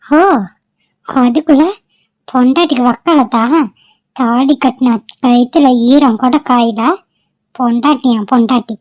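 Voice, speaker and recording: A woman's voice: high voice, unhurried, long pauses, darkish tone, no echo, low-quality recording. A woman voicing a middle-aged village mother in a cartoon, scolding and sarcastic toward her son. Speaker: mother of the groom. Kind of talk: cartoon voice acting.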